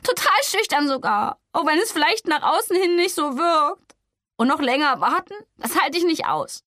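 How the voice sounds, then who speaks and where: A woman voicing a young female artist who is anxious, tearful and despairing, her voice high and breaking. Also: moderate pace, fairly bright tone, no room sound, clean studio sound. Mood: defensive.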